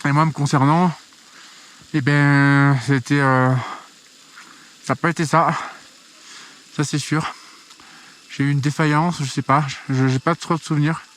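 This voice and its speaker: A man's voice: a little high, little pitch movement, unhurried, long pauses, a bit bright, a little hiss or hum. A man, a mountaineer, speaking candidly and searching for words in a video diary recorded outdoors in the mountains.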